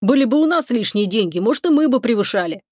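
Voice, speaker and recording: A woman's voice: fairly high pitch, expressive, quick pace, a little mellow, no echo, clean studio sound. A woman voicing a blunt, grumbling, superstitious male crewman on a starship in an audiobook. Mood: gruff.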